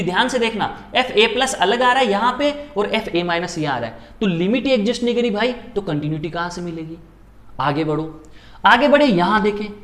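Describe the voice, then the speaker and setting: A middle-aged man teaching a maths lecture, lively, repeating phrases and acting out his students' questions. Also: very high voice.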